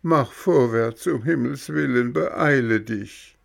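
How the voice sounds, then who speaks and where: A man's voice: mid-range voice, slow, vocal fry, voice pushed up. A man voicing an impatient, shivering wooden puppet boy who pleads urgently in a storybook reading. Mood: pleading.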